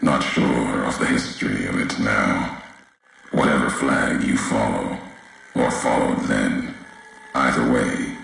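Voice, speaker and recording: Ulysses, an extremely deep, gravelly wasteland courier. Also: male voice, fairly bright tone, slight background noise, exaggerated voice, low-quality recording. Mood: accusing, grim. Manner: slow, solemn, cryptic, deliberate pauses between short phrases. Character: grave, brooding wasteland courier and ex-legion tribesman. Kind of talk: dramatic video game dialogue.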